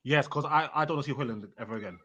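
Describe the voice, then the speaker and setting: A young man co-hosting a football podcast in casual, excitable chat, often laughing and talking in quick bursts. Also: medium pitch, lo-fi sound. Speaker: podcast co-host.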